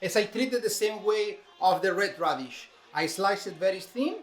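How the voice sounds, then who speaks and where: Over faint background music, a man with a high, expressive voice talks at normal speed. He's a chef from Venezuela speaking English with a Venezuelan Spanish accent, going through a recipe step by step with many fillers in a laid-back cooking demo.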